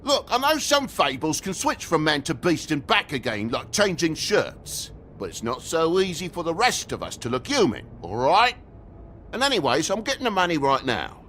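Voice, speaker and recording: An actor voicing a grumpy, indignant talking toad with a British accent in a video game, griping and sarcastic. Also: male voice, on the high side, wildly swooping pitch, moderate pace, a bit bright, a little hiss or hum. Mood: indignant, pleading. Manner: griping, sarcastic, foul-mouthed.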